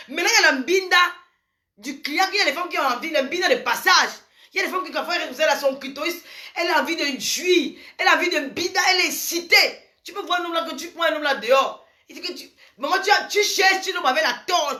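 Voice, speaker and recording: A woman delivers a frank advice monologue in a high, bright voice. She talks emphatically, repeating words for effect and breaking into exclamations. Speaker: advice vlogger.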